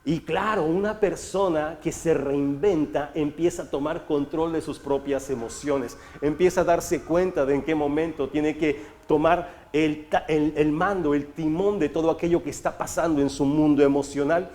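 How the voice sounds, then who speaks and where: A man's voice: on the high side, normal speed. A man giving a motivational talk as a coach, telling stories and asking rhetorical questions. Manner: storytelling, rhetorical questions, animated sound effects.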